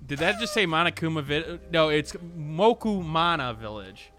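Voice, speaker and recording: This gaming video host has a slightly high, expressive voice with a fairly bright tone and moderate pace. His let's play commentary is casual and improvised, full of rambling and self-interruptions, and he reads game text aloud as he goes.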